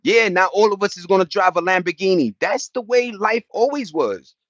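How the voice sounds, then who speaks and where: This American livestream host has a high-sitting, fairly bright voice with lively intonation and a normal pace, in a muffled recording with no room sound. Reading and replying to chat, he rambles casually in slangy street talk, passionate and emphatic.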